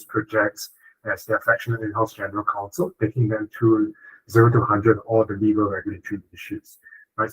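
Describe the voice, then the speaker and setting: Over a video call, this Singaporean corporate lawyer presents a webinar fluently, often adding "uh" and tagging points with "right?". His mid-range voice is fairly bright and slightly rough, in a low-quality recording.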